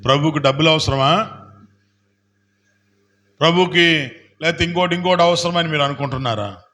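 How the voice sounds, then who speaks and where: A man preaching as a pastor, questioning the congregation and building to loud calls for hallelujah. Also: on the high side, moderate pace. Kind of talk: sermon.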